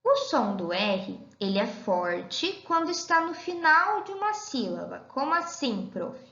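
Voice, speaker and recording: Woman teacher for a kids' online class, fairly high and very unhurried, recorded dull in an echoey room. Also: very animated, sharp tone. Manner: slow, sing-song, refers to herself as "the teacher". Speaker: primary school teacher. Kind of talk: online lesson for young children.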